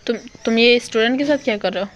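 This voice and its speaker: A woman's voice: on the high side, quick pace, highs cut off, natural voice. A woman voicing a jealous adult male alpha rival with a confrontational tone.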